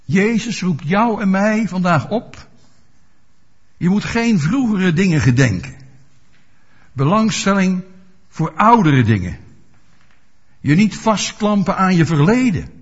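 Husky-voiced male preacher, lively delivery. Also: high voice, slow pace, long pauses. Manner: asks the congregation rhetorical questions, explains scripture with homely examples. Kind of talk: sermon. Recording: dull lo-fi recording.

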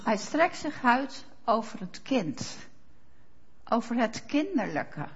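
A woman preaching a sermon, slow and emphatic, rising to fervent quoted prayers. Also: on the high side, slightly rough. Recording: dull lo-fi sound.

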